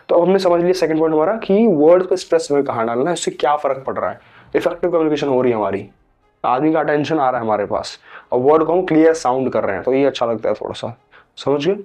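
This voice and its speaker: A man's voice: medium pitch, a little mellow. A young man with an Indian English accent teaching a pronunciation lesson, patiently explaining and repeating example words, stretching them out.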